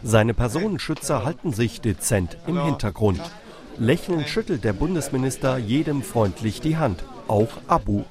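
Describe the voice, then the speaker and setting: A male reporter narrates a regional news feature. His delivery is even and measured, at an ordinary middle pitch. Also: music in the background.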